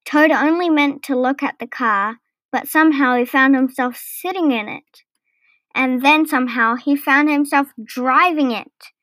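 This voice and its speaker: A woman reading a children's storybook aloud, slow and careful. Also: sits high, fairly bright tone, no room sound. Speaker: narrator.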